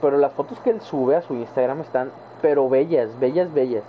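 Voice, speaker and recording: While streaming a game live, this young man with a northern Mexican accent rambles to his viewers in casual slang. He has a medium-pitched voice and talks a little fast. The sound is thin and phone-like, with some faint noise behind it.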